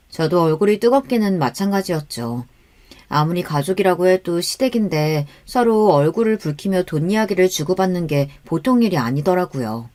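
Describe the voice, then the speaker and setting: A woman narrating a first-person story in a steady, scripted storytelling voice. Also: fairly low pitch.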